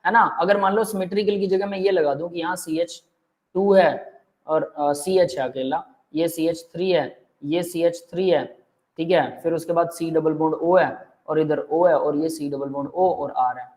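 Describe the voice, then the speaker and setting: A male chemistry teacher giving a relaxed live lesson, going step by step and checking often that students follow. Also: a little high, normal speed. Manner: explains step by step, keeps checking the class understands; relaxed and friendly, calls students "beta" and "bhai". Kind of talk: live online chemistry lecture.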